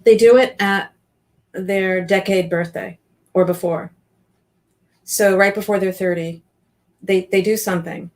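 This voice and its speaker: A woman's voice: mid-range voice, steady tone, a little slow, pauses often. A woman in her fifties, a business coach, chatting enthusiastically as an interview guest. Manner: chatty and enthusiastic, with frequent restarts. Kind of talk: casual interview chat.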